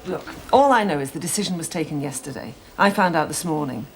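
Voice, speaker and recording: An actress playing a harried hospital manager, defensive and dry-humoured. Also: female voice, low voice, animated, quick pace, background noise. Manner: defensive, wry, dry jokes.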